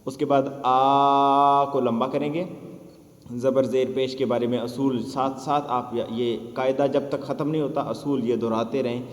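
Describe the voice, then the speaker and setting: A man training Quran teachers, explaining patiently and chanting drawn-out syllables as examples. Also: mid-range voice, flat delivery. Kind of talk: teaching lesson, demonstrating recitation. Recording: echoey room with long reverb.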